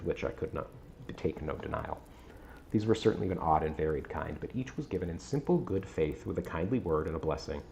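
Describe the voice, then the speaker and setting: A man reading a gothic novel aloud with a measured, dramatic storytelling delivery. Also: low-pitched, creaky, a little mellow, a little hiss or hum. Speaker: audiobook-style reader on a stream.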